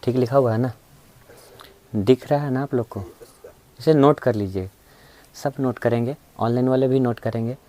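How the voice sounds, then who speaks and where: A man's voice: mid-range voice, moderate pace, pauses often, dark tone. A man teaching a reasoning class in a classroom, coaxing the students along with frequent check-ins. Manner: coaxing, repeats "है ना" and "ठीक है". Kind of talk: classroom lecture. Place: classroom with students present, also streamed online.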